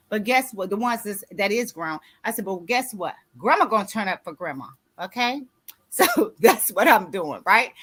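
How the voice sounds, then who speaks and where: A woman in her sixties hosts a motivational, conversational radio show, where she is an author mentoring co-authors. Her mid-range voice is a bit bright. She talks emphatically and exhortingly, often checking that listeners are following.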